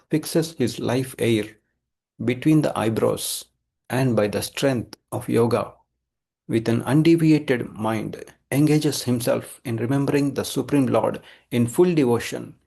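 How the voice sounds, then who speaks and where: Indian-accented man teaching scripture, creaky voice. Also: medium pitch, mellow. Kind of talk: devotional lesson with verse recitation.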